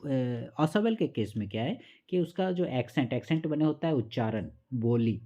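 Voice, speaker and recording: A man teaching an exam-prep literature lesson, reading lines slowly and then explaining them patiently and repetitively. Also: medium pitch, expressive, mellow. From Jharkhand or Bihar, India.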